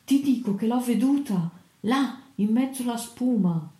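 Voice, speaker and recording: A woman's voice: mid-range voice, takes it slowly, dark tone, roomy sound, natural voice. A woman doing a frantic crazed ship's officer. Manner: strangled, frantic exclaiming. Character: crazed young male ship's officer, haunted. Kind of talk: audiobook reading.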